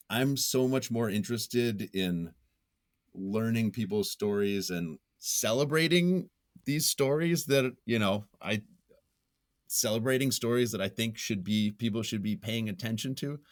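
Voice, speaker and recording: A man interviewed as a writer and journalist speaks casually in a mid-range voice, goofy and self-deprecating, chuckling often as he talks. The studio-quality recording has no room sound.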